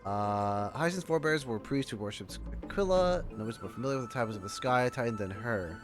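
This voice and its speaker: Over game music, a man livestreams a game, casually reacting and reading text aloud in loose chatter that keeps interrupting itself. His medium-pitched voice is expressive and fairly quick.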